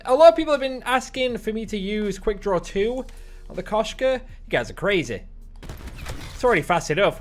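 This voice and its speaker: A young man streaming, giving excitable running commentary on his gameplay from a close mic. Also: high voice. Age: young adult. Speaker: gaming streamer.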